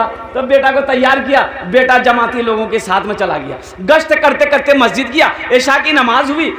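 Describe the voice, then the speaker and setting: Male preacher, high bright voice, animated storyteller, echoey room. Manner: animated, acts out villagers in dialogue. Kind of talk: humorous sermon storytelling.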